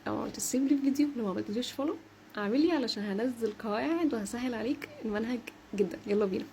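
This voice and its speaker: A young woman with an Egyptian Arabic accent giving a brisk short French lesson, saying each example word slowly and repeating it. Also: fairly high pitch, darkish tone, a little hiss or hum. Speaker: French teacher. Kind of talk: short social media language lesson.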